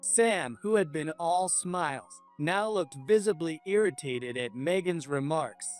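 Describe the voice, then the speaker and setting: Man, story narrator, slightly high-pitched, measured, scripted first-person. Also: lively intonation, soft background music.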